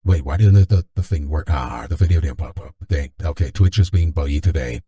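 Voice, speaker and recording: Male stream host, voice-changed extremely deep, mellow, loose and rambling. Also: animated, a little fast. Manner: rambling, joking, many restarts. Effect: deepened voice changer. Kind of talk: casual stream chat.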